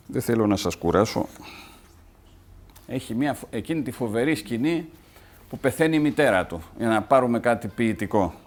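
A man's voice: medium pitch, animated, long pauses. A man speaking at a literary event, explaining a play in an explanatory way with small restarts. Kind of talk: talk about a play.

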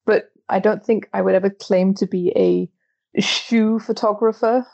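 A young woman from Belgium chats as a podcast guest in a gravelly, dark voice. She often breaks off and restarts her thoughts. The lo-fi remote audio dulls her sound. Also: medium pitch, steady tone, a little slow. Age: 20s. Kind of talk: interview conversation.

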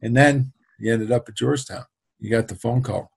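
A man's voice: medium pitch, moderate pace, gravelly, breathy edge. A middle-aged man, a football trainer, telling a rambling story in a casual interview, with many restarts and asides. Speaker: football trainer and program host.

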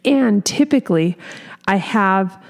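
A woman's voice: medium pitch, expressive, takes it slowly, gravelly. A woman in her thirties, a salon owner and hairstylist, talking candidly in a casual podcast chat with many fillers. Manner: earnest, candid, lots of fillers.

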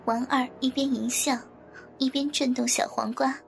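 A woman narrating a scripted adult audio story in a soft, even delivery. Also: high voice, normal speed, vocal fry, faint music behind.

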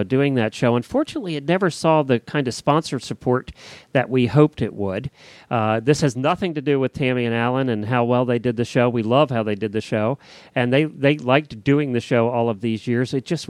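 This podcast host is a man with a medium-pitched voice who talks informally and reads out show announcements in a chatty way. The recording has no room sound.

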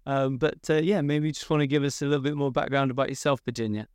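A man hosting a podcast in a relaxed, friendly way, with lots of "um" and "uh". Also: mid-range voice, fast talker, clear, resonant tone, dry recording, clean studio sound. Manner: relaxed, filler-heavy, friendly. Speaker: podcast host, co-founder. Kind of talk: casual interview chat.

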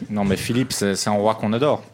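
A man's voice: on the low side, steady tone, brisk, a crowd in the background. A young man, a radio columnist bantering with the host in a dry, self-mocking way. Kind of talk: casual studio banter.

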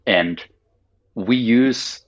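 A company founder whose first language is Finnish appears as a guest in a casual interview, explaining his ideas thoughtfully and at length while saying "like" a lot. His medium-pitched voice moves extremely slowly, and the sound is lo-fi.

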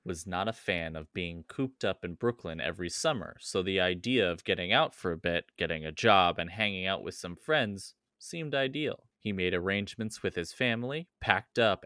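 Low-voiced laughing podcast host. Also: male voice, normal speed, dry recording, studio quality. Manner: laughs easily, animated riffs. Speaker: podcast host and story narrator. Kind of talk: casual chat and read story narration.

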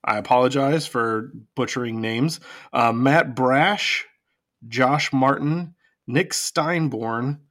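Man, podcast host, casual chat, jokey, laughs a lot, mid-pitched voice. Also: takes it slowly, fairly bright tone. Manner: laughs often, easygoing and joking.

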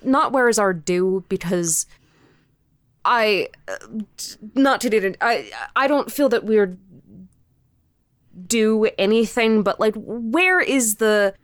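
A young woman appears as a podcast guest, an indie audio drama creator, in a casual interview conversation. Her mid-range voice moves slowly with long pauses and no room sound, and she comes across emphatic and openly opinionated, using informal, sweary phrasing.

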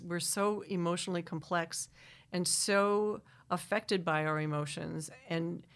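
A woman's voice: lowish voice, gravelly. A middle-aged woman from Wisconsin with a Wisconsin accent, chatting as a guest in an interview, talking in long restarting runs and laughing often. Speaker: singer-songwriter guest. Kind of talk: casual interview chat. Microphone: studio microphone.

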